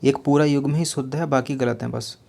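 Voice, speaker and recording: Man, exam-prep teacher, level even delivery, patient explaining, repeats answers, rhetorical questions. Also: mid-range voice, fairly quick, creaky. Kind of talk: exam-prep lesson going through spelling questions.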